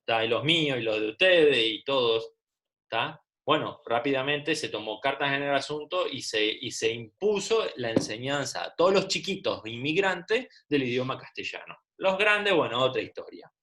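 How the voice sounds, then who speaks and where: A man's voice: medium pitch, expressive, moderate pace, sharp tone. A middle-aged man with an Argentine Rioplatense accent teaching a class over a video call, chatty and full of rhetorical questions. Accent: Rioplatense Spanish. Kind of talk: online class lecture.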